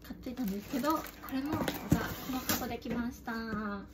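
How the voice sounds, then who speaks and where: A woman's voice: on the high side, brisk. A young woman with a cute, girlish anime-style voice, chatting casually to camera as she hosts an unboxing vlog. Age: young adult. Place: room at home. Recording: noisy room, rustling and clicks.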